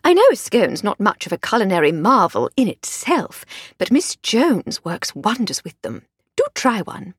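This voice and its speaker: A woman's voice: mid-range voice, very animated, normal speed, breathy edge, dry recording, clean studio sound. A woman voicing an enthusiastic aristocratic lady who speaks in a gushing, upper-class manner, in a storybook reading. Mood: coaxing.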